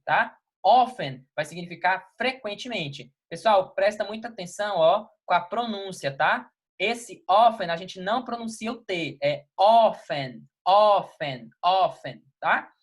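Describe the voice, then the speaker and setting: A man's voice: high-pitched, a bit bright. Patient male English teacher from Brazil. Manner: patient, repeats key words and checks in with "ok? tá? beleza?"; reads English example sentences slowly, then translates them. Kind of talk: recorded classroom lesson.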